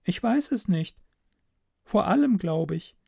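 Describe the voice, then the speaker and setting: A man voicing a secretive, childlike teenage girl in a whispered role-play, speaking slowly in a soft, hesitant whisper. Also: high voice, animated, vocal fry, dry recording, studio quality, pitched above the performer's own voice, heavily acted. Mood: hushed, wary. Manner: soft hesitant whisper, slow careful words.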